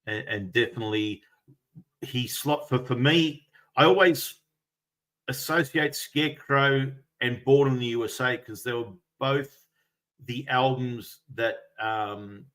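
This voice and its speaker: Middle-aged man with a medium-pitched voice. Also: a bit bright, rough recording. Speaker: panellist and longtime music fan. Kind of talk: casual chat.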